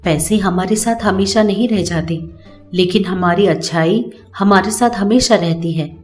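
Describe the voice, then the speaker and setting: A woman's voice: mid-range voice, measured pace, soft background music, lightly acted. A woman voicing a kind, clever young daughter-in-law in a cartoon story. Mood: gentle. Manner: gentle, coaxing.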